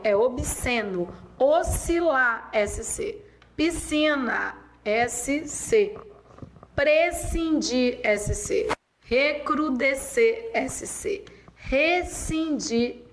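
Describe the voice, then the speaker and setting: A Brazilian woman with a fairly high voice teaches spelling at an unhurried, deliberate pace. She stretches out each word as she dictates it, over a faint hiss of background noise. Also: rough recording. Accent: Brazilian Portuguese. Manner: slow, drawn-out dictation of words. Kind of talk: spelling lesson.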